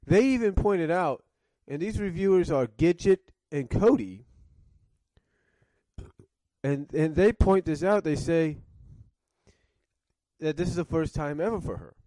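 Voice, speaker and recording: A man with a fairly high, mellow, expressive voice speaks slowly, leaving long pauses, in a recording with no echo. He reviews cartoons in casual commentary, rambling and circling back to rephrase, and coughs now and then around a cough drop in his mouth.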